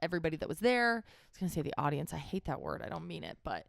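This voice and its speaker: A woman with a low voice talks casually, like a co-host among friends. She is halting, often searching for the right word and rephrasing herself. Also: animated, gravelly, no room sound, clean studio sound. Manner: halting, searching for words, self-correcting. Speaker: podcast or vlog co-host. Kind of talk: casual chat about their own wedding.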